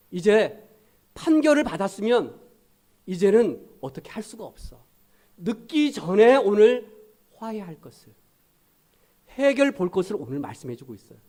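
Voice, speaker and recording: A middle-aged male pastor giving a lively, conversational sermon and acting out little scenes to his congregation. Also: sits high. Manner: lively, conversational preaching with acted-out asides.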